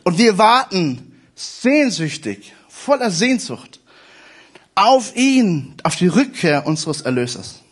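Man, preacher, high voice, emphatic sermon, repeats phrases for stress, church service. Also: very animated, slow pace, slightly rough.

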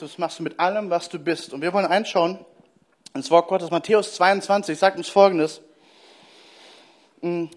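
A man with a notably high voice preaches to his congregation in a relaxed, direct way, peppering his talk with casual interjections. When he quotes scripture he slows down and lets his voice sink low. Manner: casual and direct, addressing the listener as "du" with frequent "hey"; slows down and drops his voice for quoted Bible verses. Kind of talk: lively sermon to a congregation.

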